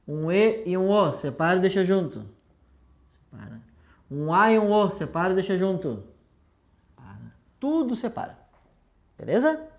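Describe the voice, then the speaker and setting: A woman language teacher with a lowish, darkish voice gives a recorded video lesson at a whiteboard. She explains patiently step by step and is affectionate with her students.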